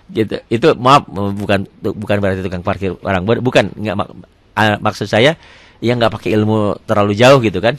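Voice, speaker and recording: A man teaching a beginner tajwid lesson, asking and answering his own questions and slowing down to recite examples. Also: mid-range voice, a bit bright, no echo. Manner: switches between chatty talk and slow drawn-out recitation.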